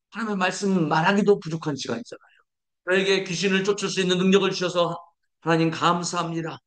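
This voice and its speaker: A man's voice: sits high, a bit bright. A man preaching a sermon as pastor, leading the congregation in declarations and asking rhetorical questions he answers himself. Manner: declarative, leads congregation in call-and-response.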